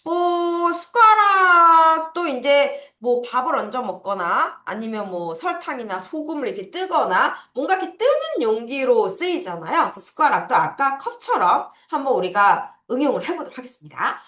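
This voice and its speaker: A woman English teacher giving an online vocabulary lesson for children, drilling words slowly and having students repeat after her. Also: high-pitched, very animated, pushed and bright. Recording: echoey room.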